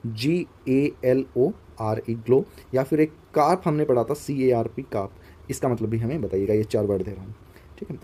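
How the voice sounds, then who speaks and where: A young man leads a vocabulary lesson for exam students. His voice is mellow and dark in tone. He talks casually, pausing to spell words out letter by letter and asking viewers to comment. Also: medium pitch. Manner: conversational, asks viewers to comment. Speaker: teacher.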